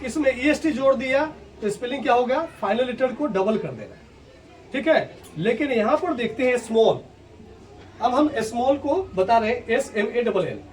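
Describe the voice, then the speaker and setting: A male teacher gives a grammar lesson in a school classroom, explaining step by step, posing and answering his own questions, and spelling words letter by letter. His extremely high voice has a sing-song quality at normal speed, captured on a distant recording with clear background noise.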